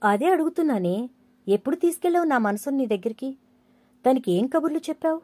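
A woman's voice: high-pitched, lively intonation, fast talker, warm tone, no room sound, pitched above the performer's own voice. A woman voicing a playful, romantic young husband who coaxes and teases his wife. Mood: teasing, romantic. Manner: playful, coaxing.

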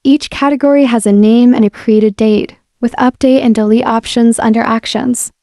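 A woman with a fairly high voice talks at a normal speed, relaxed and friendly, as she explains an app step by step. She's a software demo presenter narrating a casual screen-recorded walkthrough into a voice-over mic. The recording is dry and has clean studio sound.

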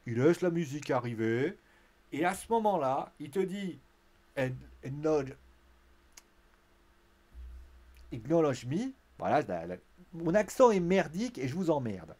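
Chatty, animated male wrestling-show host. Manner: chatty and animated, with blunt slang and swearing; acts out quotes in a louder, higher voice. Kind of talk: casual spoken commentary.

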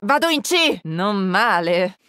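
A cold, taunting nightmare hunter. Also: female voice, mid-range voice, very animated, takes it slowly, a bit bright, no room sound. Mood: cool menacing. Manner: cold, taunting, clipped callouts. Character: menacing young woman nightmare-hunter agent. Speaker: voice actress dubbing a game character. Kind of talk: game voice lines. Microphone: close studio mic. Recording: dry studio recording.

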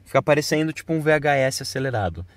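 Brief: male software tutor, quick casual walkthrough, mid-pitched. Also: lively intonation, dry recording. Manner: casual, explains step by step to viewers. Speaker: video editing instructor. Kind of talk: screen-recorded software tutorial.

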